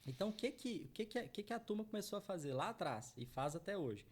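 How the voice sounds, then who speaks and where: A fast-talking, very animated man with a high voice, middle-aged and from Minas Gerais, Brazil, explains his chocolate business in an interview. Earnest and addressing the audience, he checks in with "né?" ("right?") over and over.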